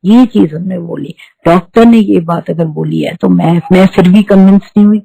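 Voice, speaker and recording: Middle-aged woman, earnest repetitive storytelling, dry close sound, mellow tone. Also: lowish voice, moderate pace, vocal fry, breathy edge, dry recording, rough recording. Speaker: devotee giving testimony. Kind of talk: spiritual testimony talk.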